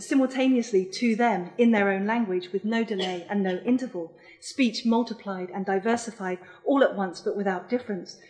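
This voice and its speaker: Measured woman reading her essay aloud. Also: medium pitch, rough recording. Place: lecture hall.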